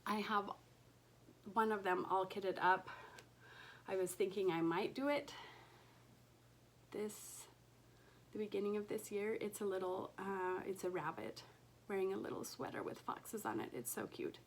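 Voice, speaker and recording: Woman, home vlogger, casual and gushing, middle-pitched voice, slight background hiss. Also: steady tone, a little slow, long pauses. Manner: chatty, gushing, drops into soft whispers when admiring her stitching. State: recovering from illness, voice recently lost. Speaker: cross-stitch vlogger. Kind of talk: casual chat to camera.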